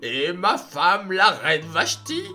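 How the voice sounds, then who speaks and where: A man's voice: high voice, sing-song, slow pace, faint music behind, pitched above the performer's own voice, full character voice. A man voicing a boastful, drunken, hot-tempered king who bellows his orders, in a children's storybook reading. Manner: bellowing and shouting.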